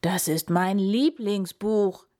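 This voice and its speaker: A woman voicing a big, gruff but kind male bear in a read-aloud storybook, grumbling his lines. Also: medium pitch, takes it slowly, mellow, natural voice. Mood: grumbly.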